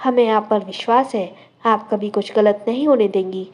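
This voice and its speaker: A woman voicing a caring mother who gently admonishes and reassures her daughter in an audio story. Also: medium pitch, moderate pace, close to an everyday voice. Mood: earnest. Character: caring mother, worried about family rifts.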